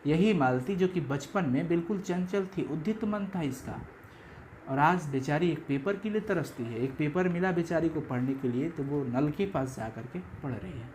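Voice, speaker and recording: A man's voice: fairly high pitch, moderate pace, slight background noise, poor audio. Chatty male teacher retelling a story. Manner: chatty, animated storytelling with asides to students. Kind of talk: Hindi literature lesson explaining a story.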